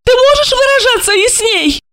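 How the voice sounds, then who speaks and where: A woman voicing a distraught young woman who cries out in shrill, accusing protest. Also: animated, normal speed, fairly bright tone.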